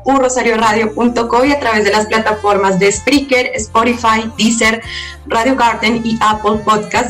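A woman hosts a radio program in a fairly high voice. She announces in a formal, measured way over faint background music. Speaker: radio show host. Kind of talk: scripted radio hosting.

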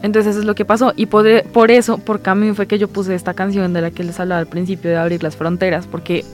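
A woman co-hosts a relaxed talk, explaining points at length and circling back with fillers. Her voice sits mid-range. Faint music plays underneath. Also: medium pitch, fast. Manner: explanatory, rambling with fillers and hedges. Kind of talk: casual literary discussion.

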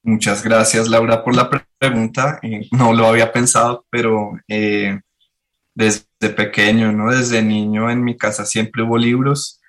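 A male professor answers questions in a low voice. His delivery is flat and thoughtful, broken by hesitant fillers. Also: measured pace. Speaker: history professor guest. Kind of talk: interview answers.

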